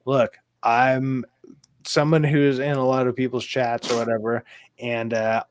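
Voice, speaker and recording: A man with a smoker's rasp and slurred, hissy S sounds, rambling and stammering through casual stream chat while swearing freely. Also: medium pitch, dry recording.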